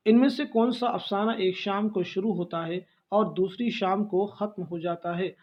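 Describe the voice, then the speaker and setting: A man's voice: high-pitched, lo-fi sound. A male teacher running an exam-prep lesson, reading out quiz questions and repeating the key answers.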